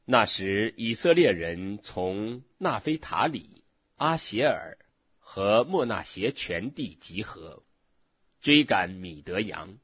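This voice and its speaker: Slow, husky low-voiced man reading scripture. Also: very animated, no room sound. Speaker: scripture reader. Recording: dull lo-fi recording.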